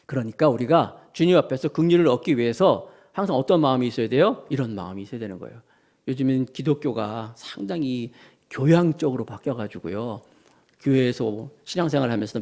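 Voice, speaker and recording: A man's voice: mid-range voice, creaky. A middle-aged male pastor preaching a Sunday sermon, acting out cries and quotes and putting questions to his congregation. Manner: animated, acts out shouts and quotes in the preaching; addresses the congregation directly with questions. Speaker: senior pastor.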